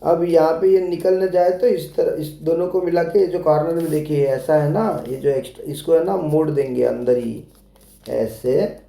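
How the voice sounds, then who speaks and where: A man's voice: on the high side, moderate pace, vocal fry, dark tone, reverberant. A man explaining a children's textbook lesson, patiently spelling words out letter by letter. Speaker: teacher.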